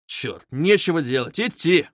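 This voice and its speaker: A man putting on a gruff, impatient visitor who grumbles and swears bluntly, with a raised, lively voice. The sound is dry and close. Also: a little high, measured pace, no echo. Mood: grumbling, impatient. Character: gruff impatient grown man knocking at a door.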